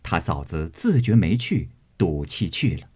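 A man's voice: sits low, very animated, unhurried, darkish tone, husky. A man narrating a classic novel as an audiobook, voicing each character.

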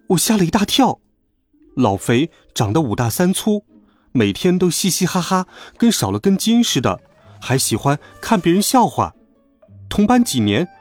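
A man narrating a children's audiobook in a playful, lively storytelling manner. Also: sits high, no room sound.

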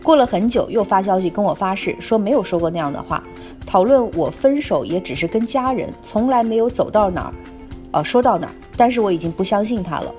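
Woman reading out a listener letter on a podcast, even conversational voice, faint music underneath. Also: mid-range voice, brisk. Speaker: podcast co-host.

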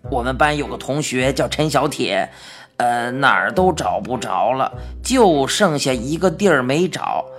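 A woman's voice: a bass voice, pitched below the performer's own voice. A woman voicing a playful, mischievous little old man with magic powers in a Beijing-tinged storybook reading, drawling and folksy with hesitant "uh"s. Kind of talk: storybook narration.

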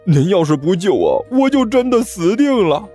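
A man voicing a whiny younger sworn brother who begs, high and fast, in a husky voice with soft music behind. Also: huge pitch swings. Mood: pleading. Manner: high, fast, wheedling and begging.

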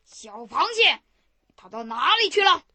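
Woman doing a hungry bully tiger, male, bedtime story, slow blustering lines, bright growly tone. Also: high-pitched, no room sound, exaggerated voice.

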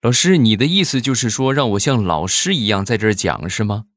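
A man's voice: lowish voice, animated, brisk, fairly bright tone, no room sound, clean studio sound, voice pushed up. A man voicing a cheeky schoolboy who talks in a cocky, composed way. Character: cheeky schoolboy acting cool.

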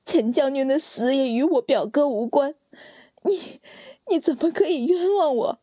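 A woman voicing a desperate, grief-stricken young noblewoman who is wronged, in a high, strained and tearful voice. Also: moderate pace, dark tone, no echo, clean studio sound, lightly acted. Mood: indignant.

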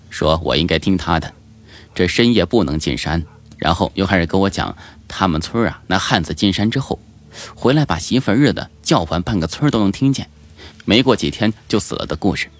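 A man narrating a novel in a colloquial, lively storytelling manner. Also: low voice. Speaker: audiobook narrator.

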